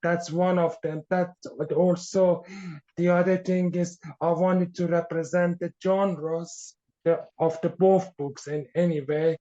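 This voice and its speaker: A man from Iran, an author being interviewed, speaking haltingly with frequent fillers as he searches for words. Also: high-pitched, level tone, dark tone. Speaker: author guest. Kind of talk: podcast interview. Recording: dull lo-fi sound.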